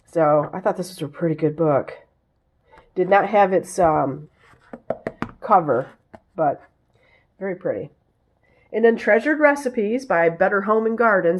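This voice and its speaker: Raspy-voiced woman with a head cold. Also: on the low side. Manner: chatty, rambling, searching for words. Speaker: vlogger showing thrift finds. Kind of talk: casual haul show-and-tell.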